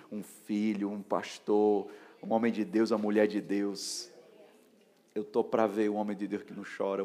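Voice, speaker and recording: A man preaching an emotional sermon, swinging from shouts down to hushed near-whispers. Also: lowish voice. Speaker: pastor.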